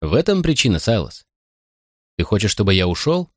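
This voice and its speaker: A gentle, bewildered grown companion, read by a man in a lowish voice with lively, expressive swings. He speaks earnestly and a little helplessly, close and dry like a storybook. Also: brisk, dry recording. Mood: puzzled.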